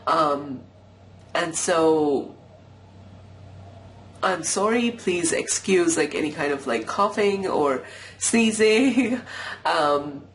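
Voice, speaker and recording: A woman's voice: on the low side, expressive, slow, a little hiss or hum, poor audio. A woman with a cold and a nasal voice, chatting casually through a tarot reading with many fillers. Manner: chatty, filler-heavy, apologetic. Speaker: tarot reader. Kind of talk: casual pick-a-pile tarot talk.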